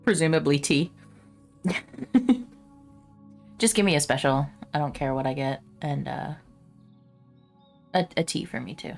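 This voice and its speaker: A woman's voice: low voice, measured pace, pauses often, soft background music. A woman chatting casually as a player in a tabletop role-playing game. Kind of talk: casual chat.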